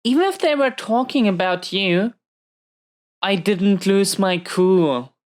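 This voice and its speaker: Her mid-range voice is expressive and unhurried while she plays a tender yet hot-tempered, protective supervillain serving time in prison. In this intimate audio roleplay she answers an unseen listener defensively and hesitantly, clearly irritated.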